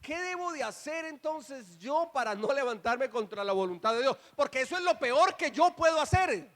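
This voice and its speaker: A man's voice: very high-pitched, expressive, normal speed, fairly bright tone. A male pastor preaching a sermon in church, firing rhetorical questions at the congregation and calling on them to repeat after him. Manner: emphatic, calls for response and repetition.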